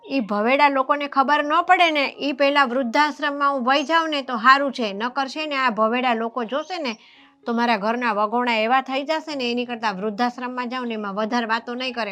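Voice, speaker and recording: A resigned elderly mother-in-law, rustic village speech, slightly high voice, bright tone, soft music underneath. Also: fairly quick. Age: older. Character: elderly mother-in-law, troubled by quarrelsome daughters-in-law. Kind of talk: Gujarati family drama acting.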